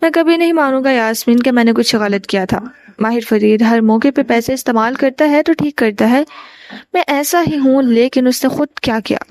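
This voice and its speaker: A woman's voice: fairly high pitch, a little mellow, dry recording, close to an everyday voice. A woman reading a bitter, defensive grown man. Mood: indignant. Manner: bitter, indignant.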